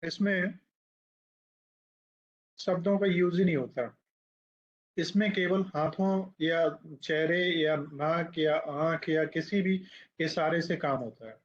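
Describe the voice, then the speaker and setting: A man teaching a class, his voice sitting a little on the high side as he explains each point step by step and keeps asking his listeners questions. He pauses to write on the board as he goes. The recording is dull and lo-fi. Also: fairly even intonation. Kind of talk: classroom lecture.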